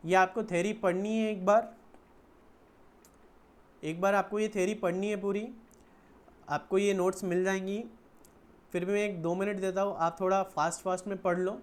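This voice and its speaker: Indian guy teaching accounts, slow and patient, keeps asking then answering his own questions. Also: high voice, level tone. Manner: explains slowly in mixed Hindi and English, asks and answers own questions. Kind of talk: classroom lecture.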